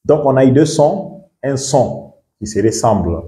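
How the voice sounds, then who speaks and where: A man from Guinea, an English teacher, giving a bilingual lesson, repeating words slowly and often checking whether his students understand. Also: medium pitch, expressive, warm tone, echoey room.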